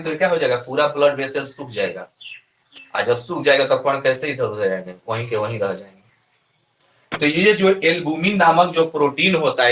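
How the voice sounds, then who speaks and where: A man's voice: a little high, a bit bright, slight background noise. A man giving a lesson, asking his students questions and answering them himself. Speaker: teacher. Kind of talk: classroom lecture. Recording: echoey room.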